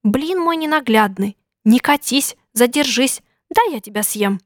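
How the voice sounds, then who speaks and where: A woman's voice: a little high, lively intonation, measured pace, dry recording, clean studio sound. A woman voicing a clever hen that coaxes a pancake. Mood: coaxing. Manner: coaxing.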